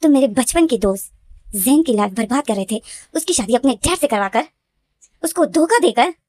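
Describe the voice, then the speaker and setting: A woman voicing a young man who is his friend's worried, scolding companion, talking loudly and urgently. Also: high voice, expressive, moderate pace. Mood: angry.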